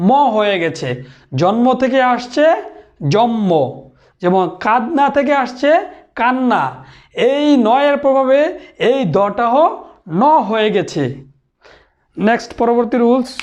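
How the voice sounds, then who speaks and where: A man with a very high voice teaches a grammar lesson, working through each rule slowly and repeating the key terms. He often restarts his sentences. The recording sounds dull and lo-fi. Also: a little mellow. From Bangladesh. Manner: explains step by step, repeats terms, many restarts. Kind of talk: recorded lecture.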